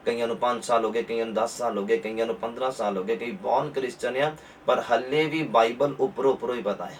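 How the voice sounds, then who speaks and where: A pastor with a Punjabi accent preaching a sermon, repeating his points and rising to forceful emphasis. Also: mid-range voice, fairly even intonation, quick pace, distant mic, a little hiss or hum.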